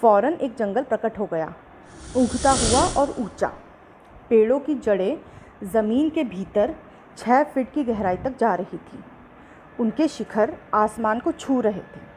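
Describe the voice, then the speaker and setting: Female storyteller, slightly high pitch, expressive bedtime-story read, faint hiss under the voice. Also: slow, low-quality recording.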